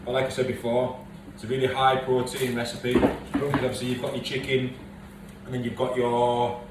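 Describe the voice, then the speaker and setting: A man's voice: mid-range voice, monotone, normal speed. A man casually explaining a recipe step by step in his home kitchen. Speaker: co-host of home cooking video. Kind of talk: casual cooking instruction. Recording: echoey kitchen, mic far off, noisy.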